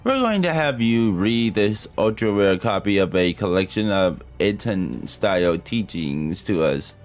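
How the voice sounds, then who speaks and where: A man's voice: lowish voice, lively intonation, measured pace, soft background music. A man voicing gloating, sinister captors with sly, leering giggles in a game story.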